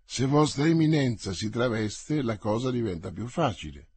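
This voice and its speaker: A man voicing a guarded, cool musketeer officer in an audiobook, speaking low and measured. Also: lively intonation, a little mellow, slightly rough. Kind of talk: audiobook character voice.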